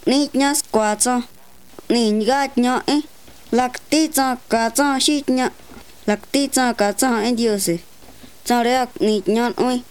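A woman's voice: a little high, steady tone, slow pace, clear, resonant tone. A woman giving a religious talk and prayer in repetitive, chant-like phrases.

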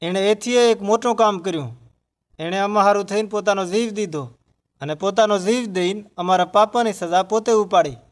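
A man's voice: high-pitched, fairly quick. A man in a scripted religious dialogue, earnestly explaining his faith to a grieving villager.

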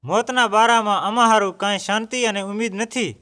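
A man's voice: high voice, steady tone, fairly quick, pushed and bright. A man in a scripted religious dialogue, speaking somberly and asking questions about death. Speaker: grieving villager.

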